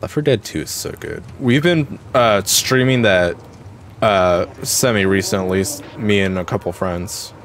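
A man with a fairly low voice chats casually over his gameplay from home. He rambles, trailing off into "like" and "um" as he talks. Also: measured pace, a bit bright, slight background noise. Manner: chatty and rambling, many fillers like "like" and "um". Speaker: game streamer.

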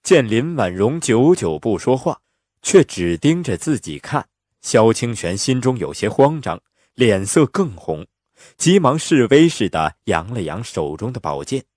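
A man narrating an audiobook in an expressive, lively storytelling manner on a close mic. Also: mid-range voice, unhurried, no room sound.

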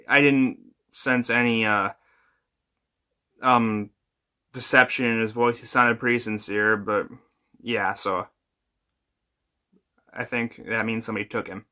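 Man acting halting, bright-voiced young ghost investigator, echoey. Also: lowish voice. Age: young adult. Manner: halting, hesitant, casual. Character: uneasy young man investigating paranormal disturbances. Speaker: narrator of a found footage horror film. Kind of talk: improvised found footage monologue. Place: indoors, bedroom and kitchen. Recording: echoey room, amateur camera audio.

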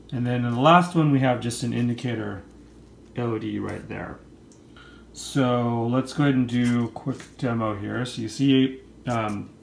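A man's voice: medium pitch, creaky. A man presenting a casual hands-on tutorial in an informal, explanatory way. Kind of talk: casual hands-on product demonstration. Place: indoor room, at a table. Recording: roomy with faint background noise.

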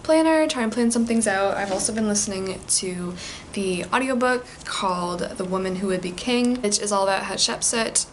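A woman's voice: medium pitch, moderate pace, slight background noise. A young woman vlogging casually from home, chatty and gushing. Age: young adult. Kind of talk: casual reading vlog chat.

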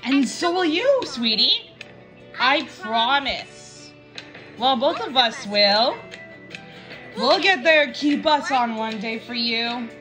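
A tiny, caring cartoon youngster with a high, bright voice that speaks slowly and softly, like a lullaby. Soft music plays behind the voice. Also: female voice, lively intonation, full character voice. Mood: tender. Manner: soothing, tender bedtime talk. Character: small young cartoon character, gentle and caring. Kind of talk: animated children's show voice acting.

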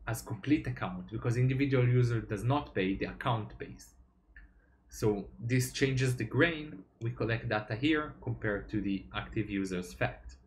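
A man's voice: medium pitch, slight background noise. Young man explaining slides, methodical. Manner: plain, methodical explaining with frequent "uh" fillers. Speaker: software developer giving a tech talk. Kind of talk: explanatory presentation over slides.

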